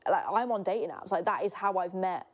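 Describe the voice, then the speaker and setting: Guest: fast-talking woman in her twenties, candid, swears a lot. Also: mid-range voice. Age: 20s. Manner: candid, rambling, swears freely. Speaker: podcast guest, social media creator. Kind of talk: casual chat.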